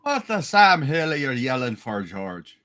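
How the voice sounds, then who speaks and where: Radio play small-town policeman, played by a woman: exasperated, friendly, forceful and animated. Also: very deep voice, unhurried, exaggerated voice. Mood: puzzled, exasperated. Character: brash, exasperated but friendly male small-town cop. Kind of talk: hammed-up live radio play reading.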